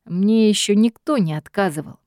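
A smug, arrogant male demon boss, as a woman reading the story puts him on drawls his lines slowly and mockingly. The voice stays mellow and dry, recorded close for an audiobook. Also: medium pitch, no room sound, lightly acted. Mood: menacing.

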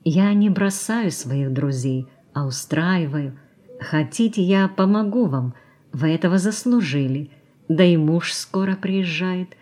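A woman's voice: deep voice, lively intonation, a little slow, a little mellow. A woman voicing a cynical, worldly society woman who teases and coaxes, in an audiobook. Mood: mocking. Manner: teasing, mocking, coaxing. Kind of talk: audiobook character reading.

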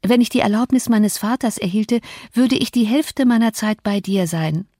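A woman's voice: mid-range voice, mellow, no room sound, clean studio sound, lightly acted. A woman reading an audiobook, voicing an earnest, hot-tempered teenage girl. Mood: affectionate. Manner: earnest, quick to flare up.

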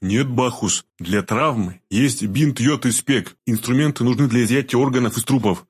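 A man voicing a gruff, sardonic male healer who chain-smokes and talks bluntly and coarsely. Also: mid-range voice, normal speed, close to an everyday voice. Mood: grim.

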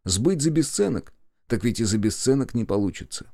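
A man's voice: medium pitch, big pitch swings, fairly quick, creaky, mellow, no room sound. A man narrating a first-person story with wry, dry humor, recorded close in a studio. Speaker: audiobook narrator.

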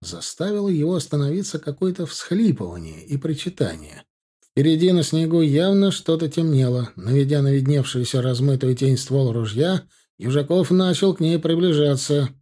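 A man narrating an audiobook in a measured, even storytelling manner. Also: a little high.

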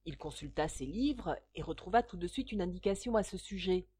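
A woman reads a classic detective novel aloud. Her delivery is measured and expressive. The pace stays even and clear throughout. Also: lowish voice, dry recording. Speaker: audiobook reader. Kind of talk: audiobook narration.

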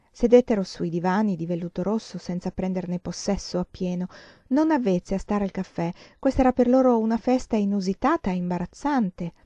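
A woman reading a literary novel aloud in a steady, expressive audiobook style. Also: medium pitch, no echo, highs cut off. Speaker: audiobook reader.

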